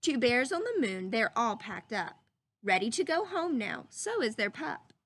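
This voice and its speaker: Like an energetic teacher, a woman with a fairly high pitch reads a picture book to children, drawing out her words and stopping to pose questions to them.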